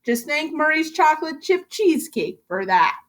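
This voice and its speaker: A woman with a high voice, reading at normal speed, performs a children's storybook with lively, theatrical expression. She stresses the rhymes the way an experienced school reading teacher would.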